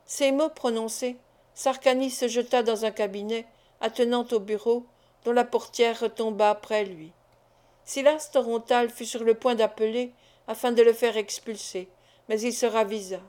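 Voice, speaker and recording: A woman's voice: fairly high pitch, steady tone, moderate pace, darkish tone. A woman narrating a classic novel as an audiobook, reading steadily. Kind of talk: scripted narration.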